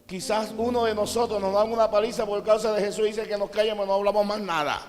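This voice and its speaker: Male Colombian coastal preacher, high-pitched, storytelling sermon with shouted peaks; long hall reverb. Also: steady tone, fast. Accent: Colombian Caribbean coast. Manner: storytelling, acting out quotes, rising to shouts. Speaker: apostle preaching. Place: large church cathedral. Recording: long church reverb with faint music.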